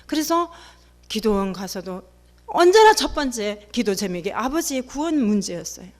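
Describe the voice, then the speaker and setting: A middle-aged woman giving an emotional testimony in a sermon, telling her story with animated, acted-out quotes. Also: on the high side, moderate pace.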